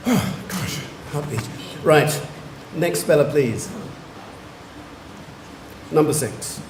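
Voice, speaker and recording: A man acting as spelling bee pronouncer, saying each word slowly and carefully, then reading its definition and an example sentence. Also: on the high side, lively intonation. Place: large museum hall. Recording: echoey hall, faint room noise.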